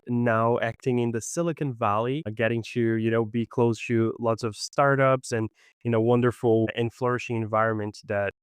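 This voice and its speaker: A man's voice: medium pitch, clear, resonant tone, no echo. A man hosting a podcast interview, enthusiastic and appreciative toward his guest. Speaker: podcast host.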